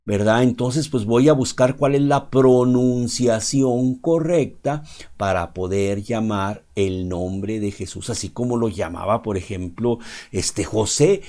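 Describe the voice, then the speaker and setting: His pitch is fairly low and his tone dark as this preacher from Mexico speaks without a script. The sermon feels like a conversation, with frequent "¿verdad?" check-ins and hesitations on "este."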